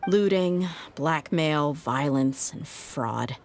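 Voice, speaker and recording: A woman's voice: deep voice, expressive, drawn-out words, darkish tone, exaggerated voice. A woman playing a tough, candid desert mercenary in a video game, speaking in a frank, dry, weary way. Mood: bitter. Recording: game music behind. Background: game music.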